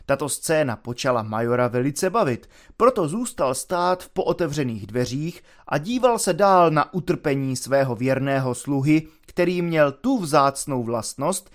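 A man narrating a classic novel in a steady, measured storytelling voice. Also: a little high. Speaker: audiobook reader. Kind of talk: literary narration.

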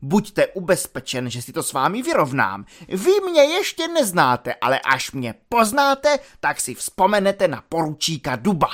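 A man voicing a pompous, quick-tempered army lieutenant in a storybook reading, blustering and huffy. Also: medium pitch, very animated, a bit bright, breathy edge. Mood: indignant.

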